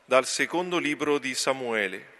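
A man reading scripture aloud at Mass as lector, in a slow, deliberate reading manner. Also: medium pitch, lively intonation, pushed and bright.

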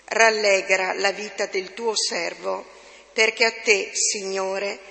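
A woman, a lector reading scripture and a psalm in a slow, measured way in church. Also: mid-range voice, fairly even intonation, creaky, sharp tone. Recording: long church reverb.

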